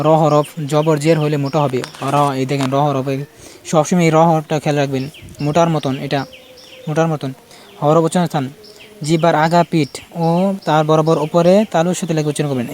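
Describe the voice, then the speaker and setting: A man's voice: on the high side, darkish tone, a little hiss or hum. A man teaching Quran pronunciation in a casual spoken lesson, repeating letter sounds and explaining where each is made in the mouth.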